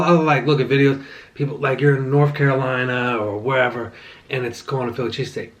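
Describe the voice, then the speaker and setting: Easygoing man rambling through a mukbang review. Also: on the high side. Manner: rambling, relaxed, with frequent restarts and "like" fillers. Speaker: channel host reviewing movies while eating. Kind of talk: casual mukbang chat.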